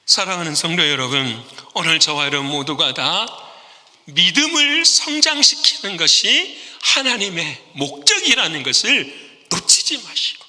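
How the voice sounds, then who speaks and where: Man, pastor, high voice, very bright tone, lively pitch, sermon to congregation, long church reverb. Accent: Korean. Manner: animated preaching, asks the congregation questions and answers them. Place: large church sanctuary.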